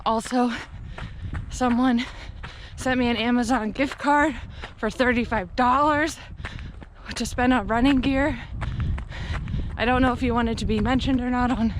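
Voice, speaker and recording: A woman's voice: a little high, steady tone, unhurried, pauses often. An American woman in her thirties chatting candidly to the camera in effortful bursts while running. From Pennsylvania, United States. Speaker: running vlogger. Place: outdoors on a rural road. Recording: outdoor wind and passing traffic noise.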